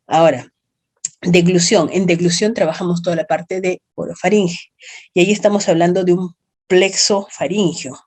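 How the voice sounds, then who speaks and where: In an online class, a Peruvian-accented woman whose voice sits on the low side and has a darkish tone walks her students through the material one step at a time. Her manner is explanatory, and she uses quick tag questions to confirm they follow.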